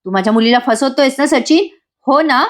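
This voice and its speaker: A woman's voice: sits high, expressive, fairly quick, voice pushed up. A woman reading the lines of a protective middle-aged mother in a serial recap, stern and scolding. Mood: furious.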